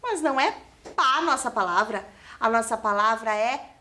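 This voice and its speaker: This woman's voice is a little high, expressive, bright and forceful, at a normal speed, with a Brazilian Portuguese accent. As a primary school teacher in a studio classroom for televised lessons, she spells out letters and syllables for young kids and keeps asking them questions.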